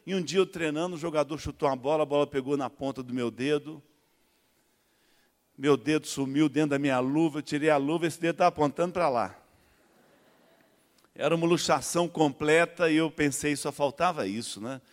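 A man with a Brazilian Portuguese accent giving a church testimony, telling his story in a lively way and acting out the dialogue. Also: a little high, a little fast, pauses often. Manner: animated storytelling, acts out dialogue. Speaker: testimony speaker. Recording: echoey hall reverb.

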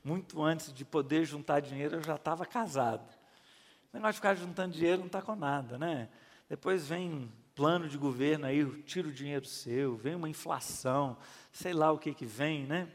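A middle-aged male pastor preaches in a folksy, storytelling way, asking the listeners questions and acting out voices. His fairly high voice has a gravelly edge. The sound carries the long reverb of a church hall. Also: moderate pace. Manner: conversational, folksy, asks the audience questions, acts out voices. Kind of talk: sermon with storytelling.

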